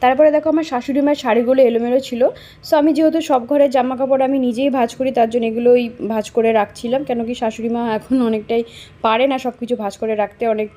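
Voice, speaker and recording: Fast-talking woman vlogging her chores. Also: on the high side, steady tone, dark tone, rough recording. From Bengal. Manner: chatty, explains chores to viewers. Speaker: vlogger and homemaker. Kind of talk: casual vlog narration. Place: home kitchen.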